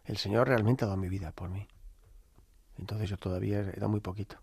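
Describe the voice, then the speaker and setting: A man, a priest telling a story in an interview and acting out the voices of the people in it with lively energy. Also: on the low side, fast talker, breathy edge, no room sound. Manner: animated, acts out dialogue with shifting voices.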